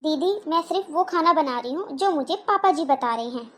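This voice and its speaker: High-voiced polite young housewife, patient, cartoon, woman doing the voice. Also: lively intonation, a little fast, a bit bright. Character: patient hardworking young daughter-in-law. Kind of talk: cartoon voice acting.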